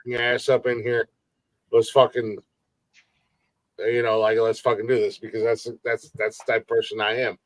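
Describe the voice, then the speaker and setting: A man's voice: medium pitch, little pitch movement, moderate pace, long pauses, no room sound. A man in his forties hosting a casual live-stream podcast, rambling, repeating himself and swearing freely. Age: 40s. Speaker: podcast host.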